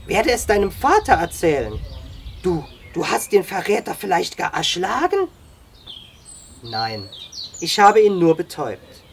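A reader voicing Sam, a hearty old frontiersman who talks loudly and high in excitement. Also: unhurried, a little hiss or hum. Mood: astonished. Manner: loud exclamations, high-pitched.

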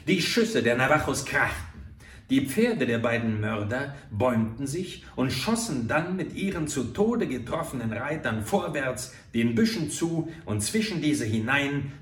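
A man narrates an adventure audiobook in a slow, unhurried way. His pitch rises and falls widely for drama, and the recording sounds roomy, as if he stands back from the mic. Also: big pitch swings, far from the mic, slight background noise.

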